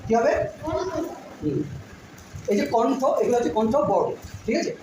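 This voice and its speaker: A woman's voice: fairly high pitch, very animated. Female teacher, patient drilling delivery, recorded in a very echoey room with audible background noise. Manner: patient, repeats sounds slowly, checks understanding often. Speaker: school teacher. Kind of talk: classroom phonetics lesson.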